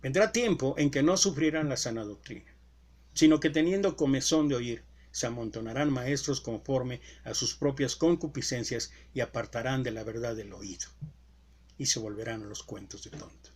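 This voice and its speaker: A male preacher giving a sermon with deliberate emphasis and rhetorical questions. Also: mid-range voice.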